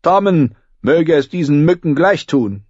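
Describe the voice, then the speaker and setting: A man's voice: a little high, lively intonation, unhurried, darkish tone, slightly rough, no echo, muffled recording, pitched above the performer's own voice. A man voicing a cruel, arrogant boy king who sneers and gives orders, in an audiobook reading. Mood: imperious. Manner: sneering, commanding.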